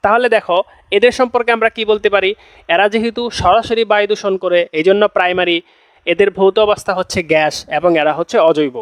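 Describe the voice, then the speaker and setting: High-voiced young tutor repeating his points. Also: fairly even intonation, fairly quick, dry recording. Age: young adult. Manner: repeats each phrase two or three times for emphasis; coaxing, checks in with "okay?" and "see". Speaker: admission-test tutor. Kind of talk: chemistry class lecture.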